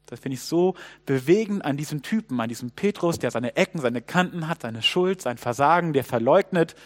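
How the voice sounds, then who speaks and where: A man preaching a sermon, telling a Bible story with lively swings between loud outbursts and hushed asides. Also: a little high, brisk.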